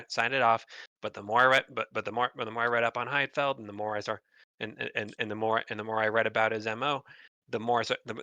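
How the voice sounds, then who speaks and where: A man's voice: on the low side, bright, forceful tone, no room sound. A man voicing a flustered woman security officer on an airship, stammering and apologetic with many restarts.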